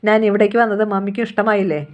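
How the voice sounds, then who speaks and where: A woman's voice: medium pitch, flat delivery, fast talker, darkish tone, natural voice. A defiant young heiress, accusing and demanding answers, read by a woman narrator. Her voice stays close to the reader's own as she presses her questions.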